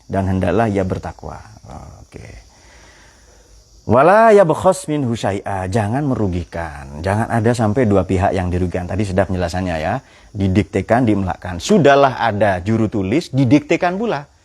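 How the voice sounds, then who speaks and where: A man with a low, husky voice teaches a Quran study class. His pitch rises and falls widely as he quizzes his students and weaves in light anecdotes. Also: lively intonation, moderate pace, darkish tone.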